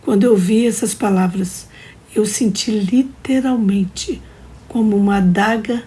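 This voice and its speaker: A woman's voice: medium pitch, measured pace, warm tone. A woman telling a first-person religious testimony in a solemn, dramatic way, sometimes dropping to a whisper. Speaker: testimony narrator.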